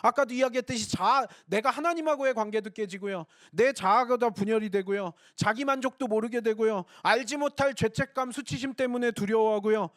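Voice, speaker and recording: A man's voice: extremely high pitch, a little fast, hardly any pauses, no room sound, clean studio sound. A man preaching a sermon in church, earnest and conversational, often turning to speak directly to the congregation. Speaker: pastor.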